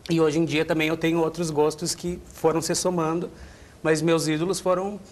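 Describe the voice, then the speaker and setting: A man's voice: a little high, level tone, moderate pace, slight background noise. A man chatting casually on a panel, rambling through a story. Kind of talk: casual chat.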